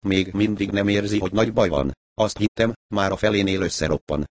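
Guy doing a cool detective, a bit mocking, deep voice, dry close sound. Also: fairly even intonation, dry recording, lightly acted. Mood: calm reasoning. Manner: patient, mildly mocking reasoning.

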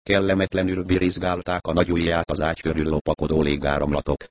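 A man's voice: sits low, monotone, slight background noise. A man narrating an audiobook in a wry storytelling manner.

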